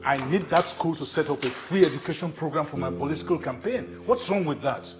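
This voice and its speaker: An actor as a determined chief brushing off criticism, slightly high voice, defensive, with a Nigerian English accent. Music plays clearly under the scene. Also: male voice, a little fast, lightly acted. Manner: defensive, dismissive. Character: ambitious chief set on buying a school.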